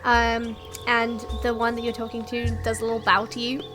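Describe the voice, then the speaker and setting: A woman's voice: on the high side, monotone, moderate pace, over music. A woman running a tabletop game as game master, narrating casually and conversationally.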